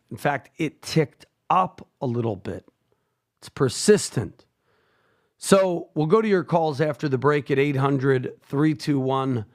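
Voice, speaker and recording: A man hosts a radio call-in show in a mid-pitched voice. He explains topics at a steady, even pace and keeps repeating the number for listeners to call.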